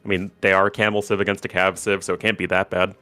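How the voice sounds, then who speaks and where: Man, casual game commentary, relaxed and chatty, dry close recording. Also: low-pitched, fast, no room sound, soft background music. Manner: relaxed, chatty, laughs often. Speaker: tournament co-caster.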